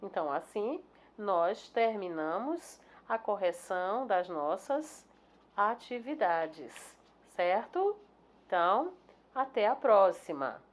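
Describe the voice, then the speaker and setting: A woman's voice: medium pitch, expressive, slow pace. Lady teacher going over homework, patient, stretches out words, keeps asking né? certo?. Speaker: primary school teacher. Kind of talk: recorded lesson, correcting exercises.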